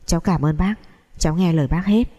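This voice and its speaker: A woman's voice: on the low side, quick pace, warm tone, long reverb tail, lightly acted. A woman voicing a spoiled young woman who talks in an insistent, sulky way.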